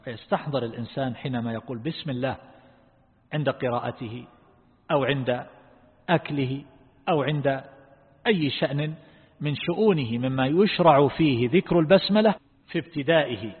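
A man with a husky, slightly raised voice teaches a religious lesson. He explains slowly and deliberately and quizzes his listeners. The sound is thin and phone-like, with a long reverb from the hall. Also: medium pitch. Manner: asks the class questions. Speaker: Islamic scholar teaching Quran reflection.

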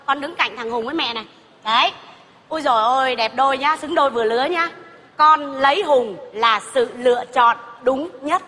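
Very high-voiced woman scolding in a comedy sketch. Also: moderate pace, sharp tone, slight background noise. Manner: scolding, mocking and dramatic. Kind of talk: stage comedy sketch acting. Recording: long reverb with music behind.

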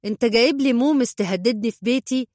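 A woman voicing a sarcastic, hot-tempered retired hitman, mocking and scornful, flaring into shouts. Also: mid-range voice, quick pace, no room sound, studio quality, lightly acted.

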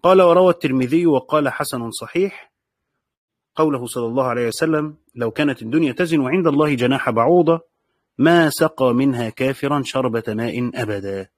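A man with an Egyptian accent teaching a classical text, repeating key phrases, reading quotations slowly and checking with the class through short questions. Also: medium pitch, no echo, clean studio sound. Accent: Egyptian Arabic. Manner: reads quoted passages slowly.

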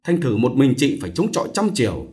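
A man's voice: medium pitch, sing-song, fast talker, a little mellow, close to an everyday voice. A man voicing a distressed young married woman, an elder sister who pleads and weeps. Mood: tearful. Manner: tearful, pleading.

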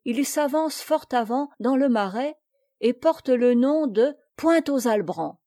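A woman narrating a classic tale as an audiobook reader, reading in a slow, measured way and voicing the dialogue. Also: sits high, lively intonation, warm tone, no room sound, clean studio sound.

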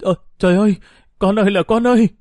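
A man's voice: a little high, expressive, normal speed, darkish tone, no echo, clean studio sound, lightly acted. A man narrating a story voices a young mother frantic with grief, wailing and breaking as she speaks.

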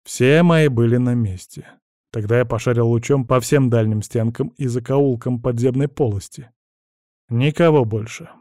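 A man narrating a first-person story as an audiobook reader, with a measured, even delivery. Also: medium pitch, dry recording, studio quality.

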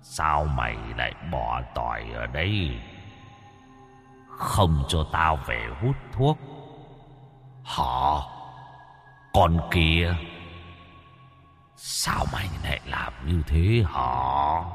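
A man voicing a gaunt, angry male ghost who speaks in a hollow, low whisper. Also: animated, drawn-out words, pauses often, fairly bright tone, soft background music, heavily acted. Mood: menacing. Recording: distant with long reverb.

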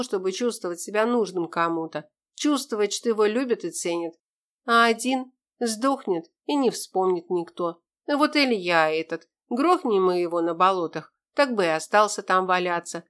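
A woman's voice: medium pitch, moderate pace, close to an everyday voice. A woman reading an audiobook, voicing a tough, pregnant woman soldier who speaks plainly and earnestly.

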